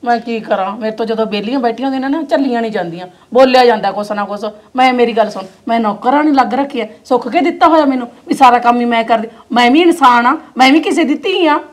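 A resentful, sharp-tongued wife, played by a woman nags her husband in a high, fast Punjabi-accented voice. She talks quickly and stays quarrelsome. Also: natural voice. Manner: quarrelsome, nagging.

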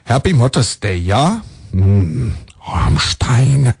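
A man's voice: medium pitch, very animated, slow pace, vocal fry, a little mellow, slight background noise. A man hosting a live radio show, chatting casually and jokily while reading out listener texts in a studio.

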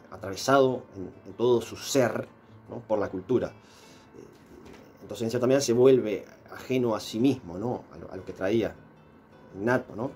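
A man talks through an explanation at an ordinary mid pitch. He hesitates often, tucking in filler sounds and tag questions as he goes. A faint guitar plays quietly behind him. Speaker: presenter explaining philosophy. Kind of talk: explanatory monologue.

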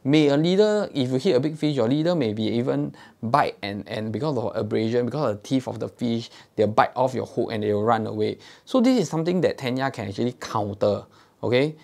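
A man's voice: medium pitch, lively intonation, a little fast, creaky, a little mellow. A man in his thirties with a Singaporean English accent, host of a fishing tackle shop channel, explaining gear step by step in a casual tutorial to camera, showing it with his hands and checking in with "okay?", recorded on a lapel mic in a small indoor studio. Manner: demonstrates gear with his hands while talking.

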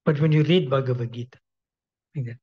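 A man's voice: mid-range voice, fairly quick, slightly rough. A man, a swami, giving a devotional lecture, repeating key phrases and checking with his audience. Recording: dull lo-fi recording.

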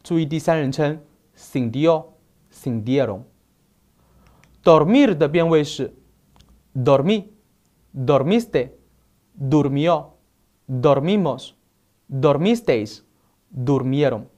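Male teacher voice, slightly high, unhurried, reads out verb lists item by item. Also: animated, darkish tone. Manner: slow, deliberate, spells out verb forms one by one. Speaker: Spanish teacher. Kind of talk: recorded grammar lesson.

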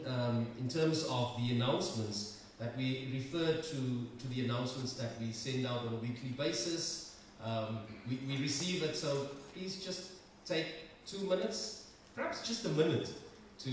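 South African pastor in an echoey church. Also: male voice, medium pitch. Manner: hesitant, many ums and restarts. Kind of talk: church service welcome and announcements. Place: large wood-panelled church. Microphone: stand mic at lectern. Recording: echoey church from far off, background noise.

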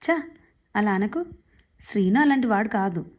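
A woman voicing a mild husband who gently coaxes and reasons. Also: mid-range voice, lively intonation, normal speed, lo-fi sound, natural voice. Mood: coaxing. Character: mild, soothing middle-aged husband.

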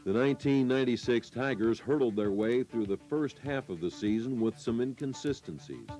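An American man reading scripted sports highlight narration in measured, dramatic phrases with pauses. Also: animated, mellow, soft background music, poor audio.

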